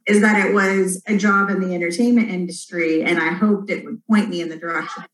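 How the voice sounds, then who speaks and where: A woman in her thirties from Houston, answering interview questions about running her PR agency in a lively, candid way. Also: fairly low pitch, fairly quick, echoey room, low-quality recording. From Houston, Texas. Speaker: public relations agency owner.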